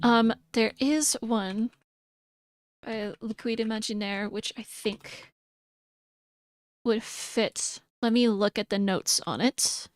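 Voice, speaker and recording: A woman's voice: a little high, steady tone, slow, long pauses, no room sound, studio quality. A woman live streamer chatting casually and thinking aloud as she reads through notes, sometimes mumbling. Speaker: VTuber streamer.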